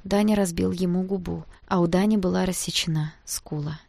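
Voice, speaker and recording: A woman reading a first-person audiobook aloud, with a lively, expressive delivery on a close mic. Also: on the low side, brisk, vocal fry, dry recording. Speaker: audiobook narrator.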